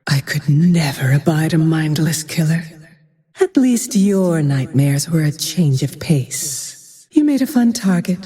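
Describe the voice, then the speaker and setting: A woman voicing a cold, vengeful ranger huntress for a video game, with a hushed, breathy, deadpan and menacing delivery. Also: sits low. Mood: brooding, contemptuous, then dry, taunting. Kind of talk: video game hero voice lines. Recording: long reverb on studio voice.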